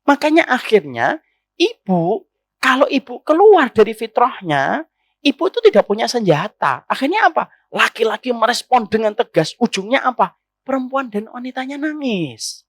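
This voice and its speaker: A man's voice: very high-pitched, big pitch swings, normal speed, a bit bright, dry recording. A man preaching a sermon to a women's study circle, addressing the listeners as ma'am and asking them rhetorical questions.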